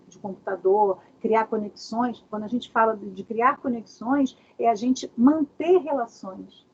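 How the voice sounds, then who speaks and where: Palestrante animada, voz bem rouca, som lo-fi de microfone de computador. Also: female voice, a little high. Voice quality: very husky. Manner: animated, asks many rhetorical questions. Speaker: workshop speaker. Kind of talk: online workshop talk. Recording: dull lo-fi video call audio.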